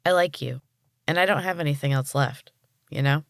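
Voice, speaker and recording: A woman's voice: deep voice, normal speed, creaky, dry recording, studio quality. A woman voicing an easygoing, loyal winged girl in a storybook reading, talking plainly and casually.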